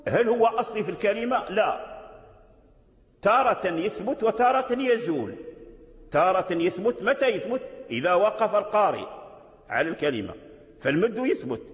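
A man teaching Quran recitation rules, explaining them slowly and deliberately and repeating key phrases. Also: high-pitched. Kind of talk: tajweed lesson explaining a didactic poem. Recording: echoey hall with long reverb.

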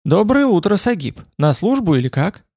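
A man puts on a female AI assistant steering a car in an audiobook story, her voice raised above his own and soft but businesslike. Her politeness carries a sly teasing edge. The sound is dry and close. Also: sits high, very animated, normal speed, vocal fry, no echo, voice pushed up, full character voice.

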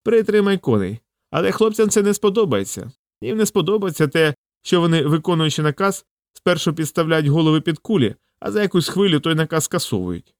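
A man voicing a gruff, defiant police chief who grumbles at orders. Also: a little high, very animated, a little fast, dry recording, studio quality, pitched above the performer's own voice. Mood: grumbling.

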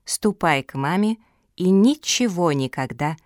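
A woman voicing the eldest dog sister, calm, stern and sensible, speaking in a low, measured, commanding way in a storybook reading. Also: no room sound, clean studio sound.

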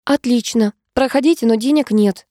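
A woman's voice: a little high, moderate pace, warm tone, no echo, pitched above the performer's own voice, natural voice. A woman voicing a brash, stingy young woman who blurts out her words in a rush and sounds scornful. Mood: blurting.

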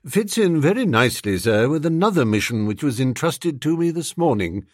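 Audiobook: male reader as a deep, unflappable valet, formal and measured, dry close sound. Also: sing-song, no room sound. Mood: composed. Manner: low, measured, formal and unruffled. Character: imperturbable, deferential manservant.

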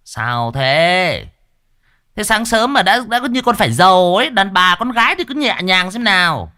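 A man's voice: high voice, big pitch swings, normal speed, pushed and bright, voice pushed up, heavily acted. A man voicing a lazy, bossy young fortune-teller who grumbles at a visitor.

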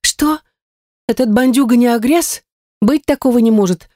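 A woman voicing a timid young friend who faints easily, with shrill panicky protests. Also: normal speed, mellow, no echo, studio quality, close to an everyday voice. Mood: shocked.

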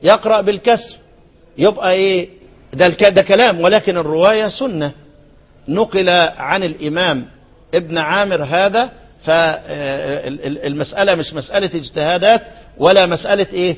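An older man with an Egyptian accent teaching Quranic readings, quizzing his students and chanting quoted verses slowly. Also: sits high, breathy edge, lo-fi sound. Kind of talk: classroom lesson on Quranic readings.

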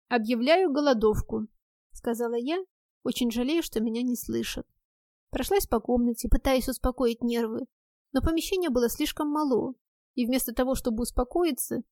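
A woman narrates a first-person audiobook with a wry, ironic delivery. Her voice sits fairly high. The recording is close and dry. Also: warm tone, dry recording.

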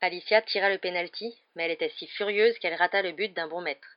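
A woman reads a novel aloud in a lively storytelling manner, her voice sitting fairly low. The recording is close to the mic but muffled and lo-fi. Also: fast. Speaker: audiobook narrator. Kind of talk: scripted narration of a novel.

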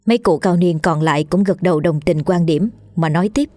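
A woman with a low voice reads a horror tale in a steady, measured way. The recording is dry and close, with soft background music. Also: no room sound. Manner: steady storytelling. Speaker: narrator. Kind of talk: scripted horror story narration.

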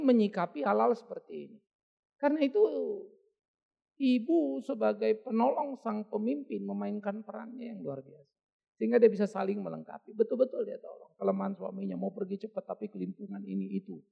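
A man preaching a sermon in a lively, conversational way, acting out quoted asides. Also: sits high, creaky. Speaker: pastor. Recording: dull lo-fi audio.

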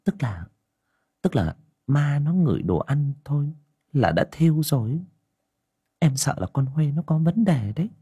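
A worried village woman, as a male narrator puts her on in an audio story, speaking in a raised, lively, husky voice. She murmurs in a hushed, anxious rush as if sharing a secret. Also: on the high side, no room sound, studio quality, pitched above the performer's own voice, full character voice. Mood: confiding. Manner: hushed, rushing whisper, anxious.

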